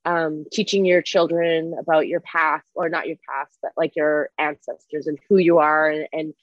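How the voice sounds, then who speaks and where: A young Canadian woman whose first language is Mandarin Chinese chats as a guest in a casual interview in an Airbnb room, full of fillers and restarts. Her deep voice has little pitch movement and a moderate pace, and the recording is dull with no echo.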